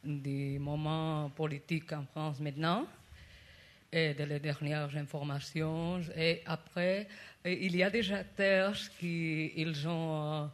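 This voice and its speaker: A woman journalist with a Spanish accent in French, her native language Spanish, asking a press conference question in halting, non-native phrasing. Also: deep voice, fairly even intonation.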